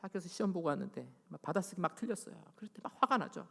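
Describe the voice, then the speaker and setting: A middle-aged man preaching a sermon as pastor, pressing his congregation with rhetorical questions and swinging between loud exhortation and hushed, near-whispered asides. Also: sits high, lively intonation, racing, gravelly. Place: church sanctuary. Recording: long church reverb.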